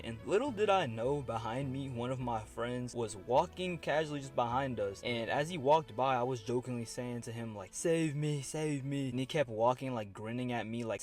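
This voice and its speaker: A young man with an American accent tells a personal story in casual, slangy speech, acting out bits of dialogue. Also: mid-range voice. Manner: slangy, animated quoting of dialogue. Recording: music playing behind the voice. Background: music.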